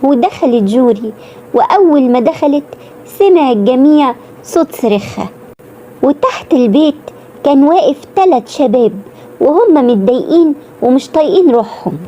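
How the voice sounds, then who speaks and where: Brief: Egyptian female storyteller, scripted dramatic narration, warm dark tone. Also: sits high, expressive, normal speed, lo-fi sound, slight background noise.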